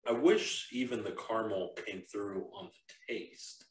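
A man's voice: on the low side, measured pace, noisy background. A man hosting a casual whiskey-tasting chat, talking loosely with lots of fillers. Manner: laid-back, rambling with fillers. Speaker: podcast host. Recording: roomy, from a distance.

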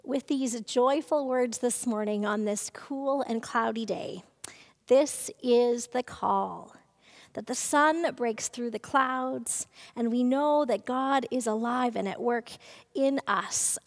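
A middle-aged woman leading a church service, reading the call to worship and prayers in a slow, measured way. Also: on the high side. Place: church sanctuary, seated at a table. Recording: reverberant church hall.

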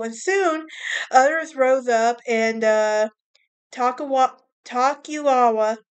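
A woman's voice: high voice, clean tone. A woman hosting a casual history podcast, chatty, tripping over names and laughing at herself. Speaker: podcast host.

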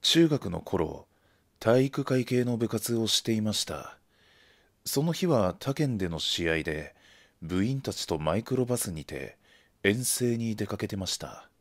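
A man narrating a scripted ghost story in a measured, hushed storytelling manner. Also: on the low side, big pitch swings.

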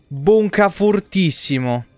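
Animated yet slow, his high voice a little mellow, the man streams from a room at home. He feeds his chat blunt, foul-mouthed, casual observations on the game as its music plays.

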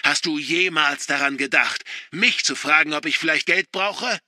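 A man's voice: on the high side, normal speed, no echo, clean studio sound, voice pushed up. A man voicing an enraged, bellowing father. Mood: furious shouting. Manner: shouting, contemptuous. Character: furious bitter middle-aged father, bellowing insults.

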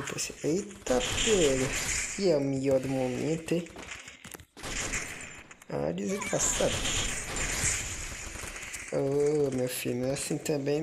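A woman streaming a mobile shooter live, keeping her voice down but cursing and groaning excitedly at missed shots. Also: deep voice. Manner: keeps voice down, can't narrate loudly. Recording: noisy stream audio with mic clicks.

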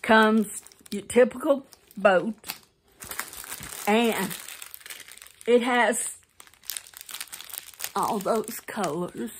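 A crafting vlogger sits indoors at home, showing off a craft kit in a casual show-and-tell chat. She talks slowly in a fairly high voice, rambling and correcting herself. A phone camera aimed down at her lap records her, with a little hiss or hum.

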